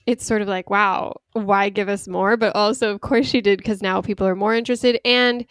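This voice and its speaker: Chatty young woman with a smooth voice. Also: mid-range voice, steady tone, normal speed, no room sound, studio quality. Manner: chatty, laughs often, uses many fillers. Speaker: podcast co-host. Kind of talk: casual podcast chat.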